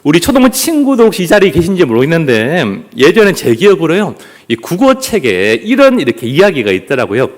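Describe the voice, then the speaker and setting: Lively, playful pastor. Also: male voice, on the high side, a little fast, few pauses. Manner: playful, jokes with the congregation; leads the congregation in clapping and greetings. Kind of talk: family worship sermon.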